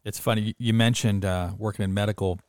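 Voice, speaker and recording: A man's voice: lowish voice, steady tone, fast talker, darkish tone, slight background noise. A man hosting a podcast, chatting in an easygoing, joking way with his guest. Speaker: podcast host. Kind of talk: casual podcast chat.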